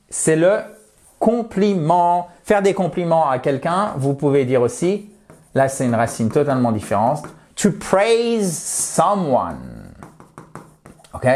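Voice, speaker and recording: A man teaching English in a chatty, self-mocking way, slowing down to model English words. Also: a little high, a little mellow. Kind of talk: video lesson.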